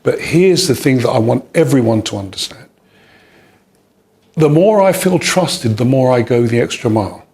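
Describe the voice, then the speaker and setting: Man, from Gambia, emphatic, rhythmic lists, mid pitch. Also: animated, normal speed, a little mellow. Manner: emphatic, builds points in rhythmic repeated lists. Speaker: leadership speaker. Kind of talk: interview answers.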